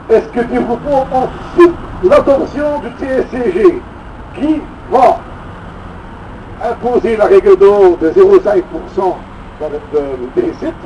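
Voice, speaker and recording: At an outdoor citizens' rally, a political activist with a Belgian French accent gives an emphatic, indignant speech from notes, tossing in sardonic asides. His voice is high-pitched and dark in tone, captured in a muffled, distant recording with faint traffic noise.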